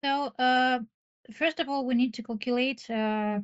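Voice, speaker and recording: Female interview candidate, nervous and formal, hesitant slow delivery, slightly high voice, dull lo-fi sound. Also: fairly even intonation. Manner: nervous, hesitant, halting, searching for words. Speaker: candidate in a mock case interview.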